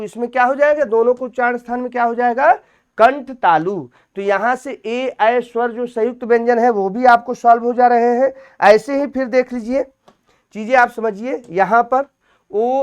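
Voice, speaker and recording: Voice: medium pitch, clear, resonant tone. A Hindi grammar teacher giving an exam-prep lecture, asking questions aloud, answering them, and repeating each point. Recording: dull lo-fi recording.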